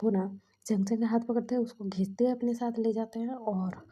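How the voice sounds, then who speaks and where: A woman's voice: on the high side, fairly even intonation, a little fast, mellow, breathy edge. A woman casually narrating a fan fiction story in a chatty way, retelling who said what. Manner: chatty, retelling with "then he says".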